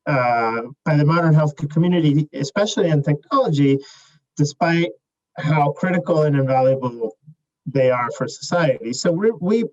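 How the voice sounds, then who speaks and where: A man's voice: fairly high pitch, a little mellow. Man from Chile, dull lo-fi sound. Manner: measured, with many fillers and restarts. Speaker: startup CEO guest. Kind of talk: interview answers.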